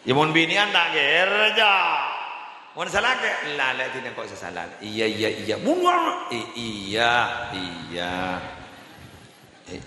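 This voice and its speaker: A high-voiced, bright man delivers a comic sermon, leaping between squealing highs and low mutters as he acts out his stories. His voice rings through a large hall with long echo and faint noise behind. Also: unhurried. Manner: animated storytelling, sudden high squeals and low mutters, laughing. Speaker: preacher.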